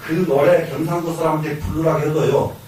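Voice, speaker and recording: Older monk lecturing in an echoey hall. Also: male voice, fairly high pitch, little pitch movement, brisk, darkish tone. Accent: Jeolla Korean. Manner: explains by repeating lines, asks and answers himself, chuckles. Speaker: Buddhist monk lecturing on classics. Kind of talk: classroom lecture. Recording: echoey hall, mic from far off.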